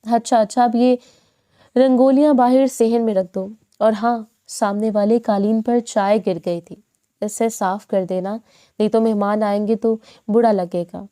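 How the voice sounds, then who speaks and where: A woman voicing a stern, harried middle-aged mother who scolds her daughters in a sharp tone. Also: a little high, fairly even intonation, natural voice. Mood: scolding.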